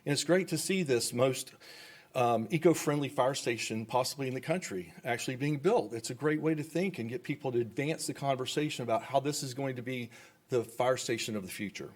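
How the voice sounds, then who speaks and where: During the public comment portion of a government meeting, a developer talks fairly quickly in a mid-range voice. He comes across as enthusiastic and rambling, with words repeated.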